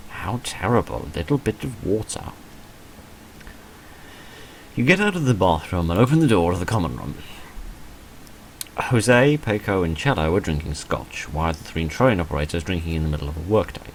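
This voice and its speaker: Very animated and a little fast, a low-voiced man reads a visual novel's text aloud while playing, slipping in dry, self-deprecating comments. The low-quality recording has a little hiss or hum.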